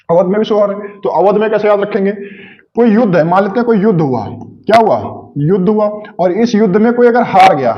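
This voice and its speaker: A man's voice: high voice, dull audio. A male coaching teacher lecturing his class, asking questions and answering them himself, repeating key points over and over. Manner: repetitive, asks and answers own questions. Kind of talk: classroom lecture with memory tricks.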